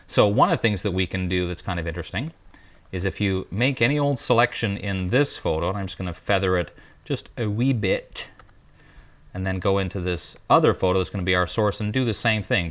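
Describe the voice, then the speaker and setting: Very low-voiced man explaining calmly. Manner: calm, explanatory, with small restarts. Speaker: guest presenter. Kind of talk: software tutorial.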